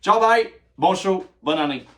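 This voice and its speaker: Un homme, animateur de l'émission, clôt l'année sur un ton détendu et blagueur. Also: male voice, sits high, measured pace, roomy sound. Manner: relaxed joking banter. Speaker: show host. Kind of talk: casual closing chat.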